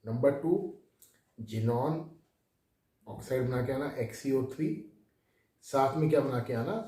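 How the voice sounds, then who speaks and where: A man's voice: mid-range voice, warm tone. A male chemistry teacher lecturing in speech, repeating key points and mixing English terms in. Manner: explains with repetition, mixes English terms into Hindi. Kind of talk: recorded classroom lecture. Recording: echoey room, voice from far off.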